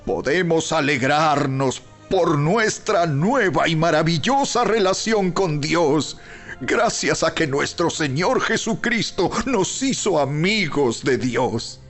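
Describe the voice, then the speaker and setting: A man narrates scripture in a solemn, emphatic style, taking his time and leaving weighty pauses. His voice is husky with a gravelly grain, and soft music plays behind him. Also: fairly high pitch, lively intonation. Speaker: Bible narrator. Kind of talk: dramatized scripted Bible narration. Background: background music.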